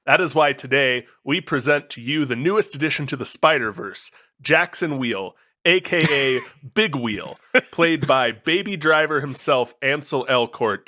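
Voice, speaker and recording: A man on a comedy podcast delivers a silly pitch with deadpan, mock-serious timing. His tone is bright and forward at an average pitch. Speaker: podcast co-host.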